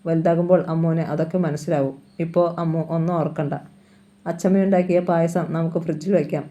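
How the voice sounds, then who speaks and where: A storyteller reading the lines of a grieving doctor father who softly consoles his little daughter. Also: medium pitch, steady tone, fast talker, lo-fi sound, close to an everyday voice. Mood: tender, consoling. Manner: soft, consoling explanations to his child.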